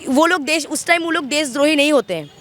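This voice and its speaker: High-voiced emphatic woman, street interview. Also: fast, fairly bright tone. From West Bengal. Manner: emphatic, repeats and restarts words. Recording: faint traffic noise outdoors.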